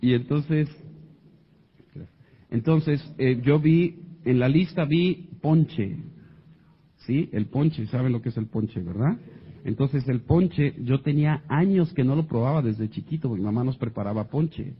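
Telling a comic story from his own life to an audience, a man with a Mexican accent animatedly acts out the voices of the people involved. His mid-range voice is husky and a little slow, and the recording has the highs cut off.

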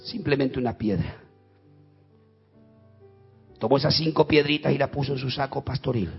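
A man with an Argentine accent preaching a sermon, telling stories dramatically and swinging between loud and quiet. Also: mid-range voice, normal speed, gravelly, breathy edge, dull audio, soft background music. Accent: Argentine Spanish. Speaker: pastor.

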